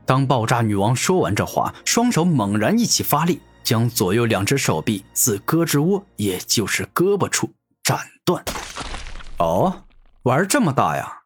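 A man's voice: mid-range voice, very animated, moderate pace, hardly any pauses, faint music behind. A man narrating a web novel audiobook in a dramatic, emphatic way.

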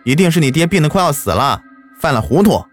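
Storybook villain: a man doing a shifty middle-aged fur trader, pitched somewhat high, wheedling and hot-tempered. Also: big pitch swings, faint music behind. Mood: angry. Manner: wheedling, denying, quick to anger.

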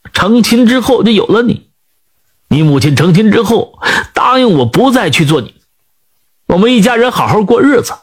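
A man voicing a gentle middle-aged father who explains himself earnestly and tenderly in a storybook tale. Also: high voice, breathy edge.

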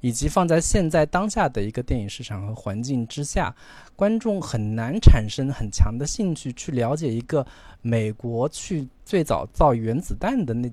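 A man's voice: medium pitch, dark tone, no room sound. A man talks about movies in casual podcast conversation, often repeating words as he works out his point. His voice is recorded close and dry, with no room sound. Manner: chatty, repeats words while thinking. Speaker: podcast co-host. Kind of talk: casual film discussion.

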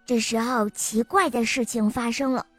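A woman narrating a bedtime story for children in a gentle manner, speaking directly to the little listeners. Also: on the high side, fairly even intonation, moderate pace, no room sound, soft background music.

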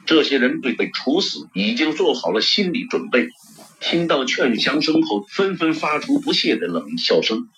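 Expressive male audiobook narrator. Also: a little high, moderate pace, gravelly, a little hiss or hum. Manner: expressive storytelling. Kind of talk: novel narration. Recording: dull lo-fi recording.

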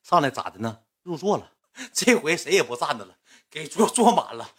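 A young man with a Northeastern Chinese accent telling a comic story in lively, chatty dialect. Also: on the high side, brisk, breathy edge.

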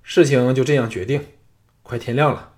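A male audiobook narrator voicing a scheming, powerful chancellor in a low, hushed plotting tone. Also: steady tone, normal speed, lightly acted. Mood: pleased. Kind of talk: audiobook character reading.

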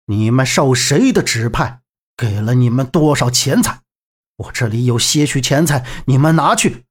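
Guy doing an old court official with a beard, steady and earnest. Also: mid-range voice, moderate pace, slightly rough, pitched below the performer's own voice. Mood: alarmed.

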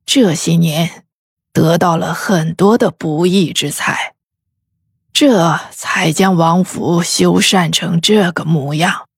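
A woman voicing a grieving old noblewoman who talks slowly and wearily about her wayward son, with sighs. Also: on the low side, dry recording, studio quality, heavily acted. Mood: weary lament. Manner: slow, sighing, weary and breathy. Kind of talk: audiobook character voice.

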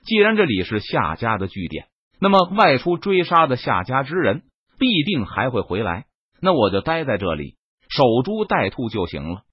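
A man's voice: mid-range voice, huge pitch swings, normal speed, husky, no echo, muffled recording. A man voicing a cold, sneering young swordsman. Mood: calculating. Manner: icy, sneering.

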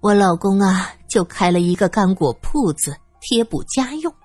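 A woman voicing a shrill, melodramatic middle-aged wife, a former dancer who whines and wails shamelessly in a storytelling recording. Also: expressive, moderate pace, a little mellow, slightly rough, no room sound, faint music behind. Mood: gossipy. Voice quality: shrill, theatrical wailing.

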